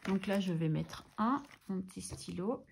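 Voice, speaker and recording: This budget vlog comes from a French woman who talks casually over her crafting, teases herself, and coughs now and then from a mild illness. Her medium-pitched voice is expressive and gravelly, a little slow, with slight background noise.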